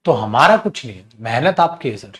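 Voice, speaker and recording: Animated male teacher. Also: medium pitch, a little fast. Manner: animated, addresses students as son and brother. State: feverish. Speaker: exam-prep English teacher. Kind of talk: classroom lecture.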